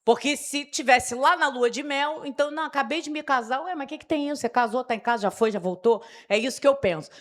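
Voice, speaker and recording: A woman's voice: high-pitched, fast, hardly any pauses. A middle-aged woman pastor, preaching a sermon and acting out people's excuses while she asks the congregation questions. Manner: animated, asks the crowd questions and acts out excuses.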